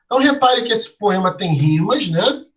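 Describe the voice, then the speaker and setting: A man's voice: high-pitched, animated, normal speed, fairly bright tone, dull audio. A male teacher explaining a lesson step by step to a class, asking them questions and tagging his lines with "né?" and "tá?". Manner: tags lines with "né?" and "tá?".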